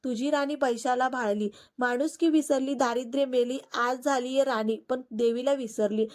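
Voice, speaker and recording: A woman's voice: high-pitched, fairly even intonation, normal speed, a little mellow, natural voice. Woman voicing an angry disguised old goddess. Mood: indignant. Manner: scolding, reproachful.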